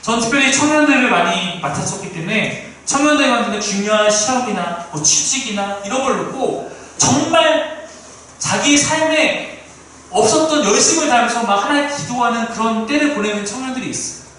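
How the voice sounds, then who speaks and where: A male pastor preaching a sermon in an animated way, now and then acting out the people he quotes. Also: very high voice, brisk, recorded from a distance, slight background noise. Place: small church sanctuary. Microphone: distant room mic. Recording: echoey room recorded from afar.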